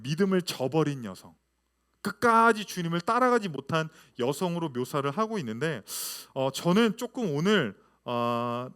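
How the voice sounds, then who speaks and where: A man in his thirties, a pastor, preaching a lively sermon full of rhetorical questions to his congregation. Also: high-pitched.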